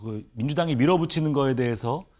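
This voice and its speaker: A man on a TV political panel, arguing with sharp rhetorical questions. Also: mid-range voice, fast talker. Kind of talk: political debate on TV.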